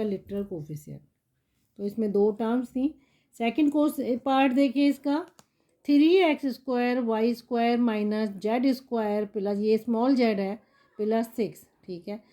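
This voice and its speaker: A woman teaches a maths lesson, walking through each step and asking rhetorical questions. Her voice sits a little high but sounds soft and warm, and she keeps checking in with short confirmations. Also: muffled recording. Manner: repeats "theek hai" to check understanding.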